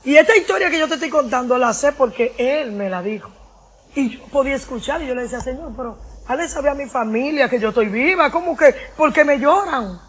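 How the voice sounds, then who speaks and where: A woman's voice: high voice, expressive, fairly quick, a bit bright, a little hiss or hum. A woman, giving an emotional personal testimony, earnest, repeating phrases and acting out the voices in her story.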